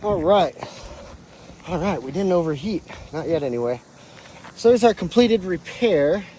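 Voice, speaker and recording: A roofing contractor, out of breath up on a roof, explains a repair in a plain-spoken, practical way. His voice is high-pitched and dark in tone, animated yet measured in pace, and the outdoor recording is noisy.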